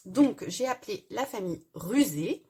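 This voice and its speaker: A woman hosting a casual crafting tutorial, explaining step by step in a hesitant way with frequent pauses and fillers. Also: mid-range voice, expressive, mellow, slightly rough.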